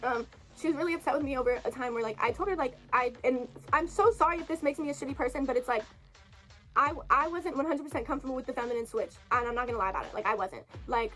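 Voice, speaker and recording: A young woman rushes through a heated confessional vlog in a high voice. She rambles with fillers, swears freely and keeps apologizing. Faint music plays underneath. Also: bright, forceful tone. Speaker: vlogger telling her side of a breakup.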